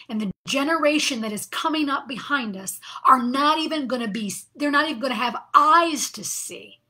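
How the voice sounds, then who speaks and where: A middle-aged woman giving an earnest Bible study talk, sometimes dropping to a soft half-whisper. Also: on the high side, husky. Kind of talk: devotional teaching talk.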